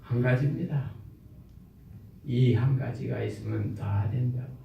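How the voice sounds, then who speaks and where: A man's voice: medium pitch, measured pace, creaky, highs cut off, a little hiss or hum. A male pastor preaching a sermon in a church sanctuary, emphatic and full of rhetorical questions to the congregation. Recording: echoey church hall, mic far off.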